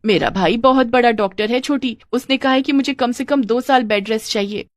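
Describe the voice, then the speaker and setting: A woman's voice: a little high, fairly quick, dry recording, studio quality, pitched above the performer's own voice, lightly acted. A woman doing a whiny, scheming young wife.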